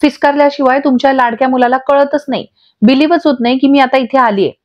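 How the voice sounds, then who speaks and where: Woman reading a sarcastic young wife, snappy, higher voice, lo-fi. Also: fairly even intonation, fast, no echo, natural voice. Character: sharp sarcastic young wife, quick to bristle. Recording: dull lo-fi audio.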